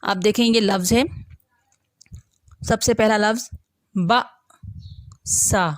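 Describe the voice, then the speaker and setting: A woman teacher giving an online Quran reading lesson, patiently explaining step by step, asking her class questions and slowly sounding out letters. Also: medium pitch, steady tone, no room sound, clean studio sound.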